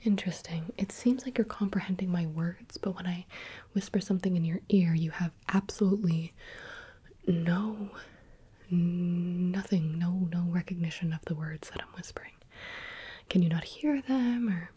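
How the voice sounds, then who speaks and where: A woman whispering softly and patiently as an examiner in an ASMR roleplay, close to the microphone. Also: on the low side, normal speed, breathy edge. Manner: soft unvoiced whispering, patient and coaxing. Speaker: roleplay examiner giving eye and hearing tests. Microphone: close mic, leaning near the ear.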